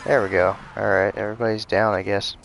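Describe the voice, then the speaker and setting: A man's voice: fairly low pitch, level tone, fast talker, vocal fry, a bit bright, slight background noise. A man casually commenting while livestreaming a video game, muttering frustrated reactions as he plays. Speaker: streamer playing a video game. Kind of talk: casual live gameplay commentary.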